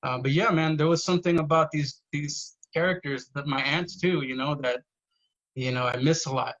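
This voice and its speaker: Swearing freely and leaning on "you know," a man who is a poet guest on a casual podcast earnestly recounts family stories. His slightly high, somewhat bright voice keeps a steady tone at a moderate pace, captured with lo-fi sound.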